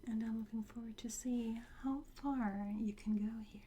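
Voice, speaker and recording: This woman's whisper is a little high, breathy and close to the microphone as she takes on the role of a calm, polite trainer in ASMR. Speaking to the listener, she stays slow, gentle and reassuring, with soft pauses and hums, while background noise comes through clearly.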